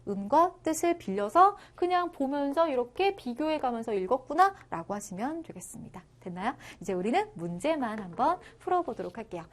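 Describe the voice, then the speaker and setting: A woman's voice: high-pitched, very animated, a little fast, hardly any pauses. A woman teaching an online middle school Korean lesson, explaining step by step and often checking that the students follow.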